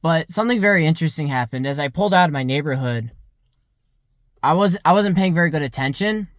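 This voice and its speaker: A man's voice: on the high side, expressive, fast talker, a bit bright, no room sound, studio quality. A young man of about twenty musing aloud in a rambling vlog monologue, full of "like" fillers. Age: around 20. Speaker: vlogger. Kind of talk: casual reflective monologue.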